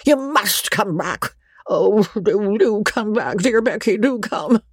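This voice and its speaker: A reader putting on a coarse old baronet. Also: male voice, sits high, animated, slow pace, husky, no echo, clean studio sound, pitched above the performer's own voice, exaggerated voice. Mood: pleading. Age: older. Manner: rustic ungrammatical speech, pleading. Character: old male baronet, blunt, coarse, pleading.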